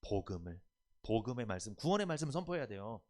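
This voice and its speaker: A man's voice: mid-range voice, big pitch swings, fast talker, a little mellow. A male pastor preaching a sermon, asking his congregation questions and answering them himself.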